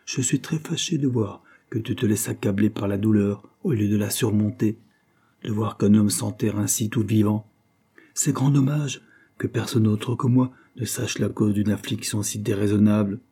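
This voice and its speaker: A man reading an audiobook, voicing a calm, loyal young man who lectures his friend. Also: fairly low pitch, normal speed, husky. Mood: earnest. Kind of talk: audiobook character voice.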